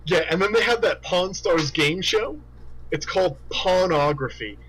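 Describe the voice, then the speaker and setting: A man co-hosting a casual comedy podcast, an animated storyteller who laughs a lot. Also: high voice, unhurried, husky, rough recording. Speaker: podcast co-host.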